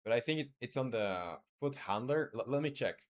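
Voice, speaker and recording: Live-streaming his coding, a game developer from Chile talks through his thoughts and chats casually with his audience, answering viewers warmly. His speech is full of hesitations, fillers and restarts. The voice is mid-range and expressive at a moderate pace, with dull audio.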